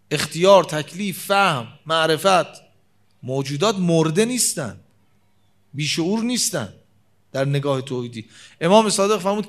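A man delivers a sermon from the pulpit in a fairly high voice. He builds emphatically, drops to a hush, and slows down whenever he quotes scripture. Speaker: preacher.

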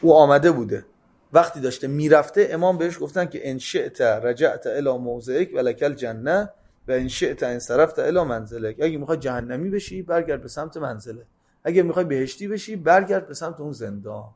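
Lively, higher-voiced male preacher telling a story. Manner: reads Arabic lines, then retells them in casual colloquial speech; lively, swings between loud emphasis and soft asides. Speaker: religious lecturer. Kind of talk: sermon-style hadith storytelling.

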